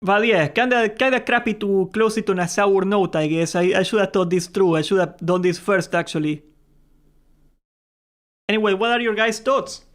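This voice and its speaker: A man's voice: sits high, normal speed. A young man hosting a gaming livestream, chatting casually and jokingly, laughing often and swearing freely. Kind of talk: casual live-stream chat.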